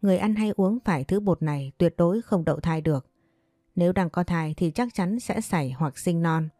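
A woman voicing a calm old-time village herb doctor. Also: fairly low pitch, fairly quick, no echo, studio quality, lightly acted. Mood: grave, advising.

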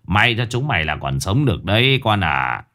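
A man voicing a gruff, blunt older village man who scolds and lectures. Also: fairly low pitch, big pitch swings, moderate pace, pushed and bright, pitched below the performer's own voice. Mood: gruff lecturing. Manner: rough, scolding, calls listeners "chúng mày".

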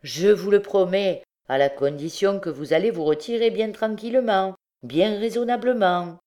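A woman reading aloud, voicing a calm, measured male prison turnkey. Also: mid-range voice, voice pushed up, lightly acted.

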